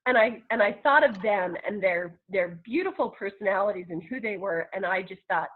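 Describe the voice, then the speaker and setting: Husky-voiced woman on a tinny call. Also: medium pitch, fairly quick. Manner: earnest, rambling, with restarts and soft laughs. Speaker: presenter on a video call. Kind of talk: casual talk to a group on a call. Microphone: video call.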